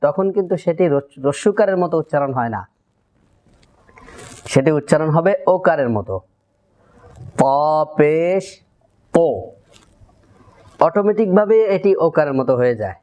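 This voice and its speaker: A man teaching Quran pronunciation in a methodical tajweed lesson, repeating syllables deliberately for learners to copy. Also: fairly high pitch, lively intonation, a little mellow. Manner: drills letter sounds, repeats syllables deliberately.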